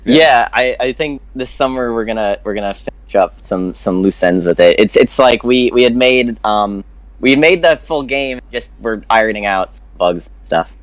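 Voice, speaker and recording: Male caller, mid pitch, dry close sound, rambling question packed with fillers. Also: normal speed, no echo. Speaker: viewer asking a question. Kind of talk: livestream Q&A call-in.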